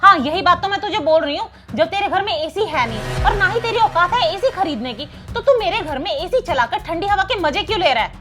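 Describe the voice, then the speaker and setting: A woman's voice: very high-pitched, lively intonation, a little fast, hardly any pauses, over music. A woman acting a bossy wealthy house mistress who scolds and taunts in a short drama skit. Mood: scolding. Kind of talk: scripted Hindi skit acting.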